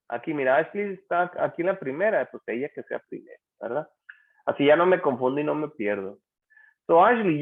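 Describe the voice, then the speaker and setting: A man teaching an English class in Spanish online, patiently repeating words slowly for students to practice. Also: fairly high pitch. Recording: tinny phone-like online class audio.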